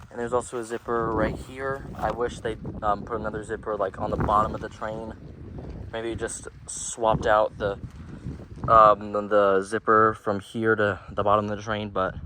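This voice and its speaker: A man's voice: fairly low pitch, sharp tone, slight background noise, low-quality recording. A man hosting a casual review vlog outdoors, talking hesitantly with many ums and restarts. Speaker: inflatable reviewer. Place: outdoors in a yard.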